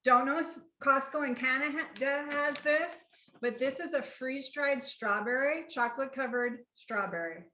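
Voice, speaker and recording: A woman's voice: sits high, normal speed, bright, forceful tone, echoey room, slight background noise. A woman co-hosting a casual sales call over video from home, chatty and enthusiastic. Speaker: co-host of a sales opportunity call.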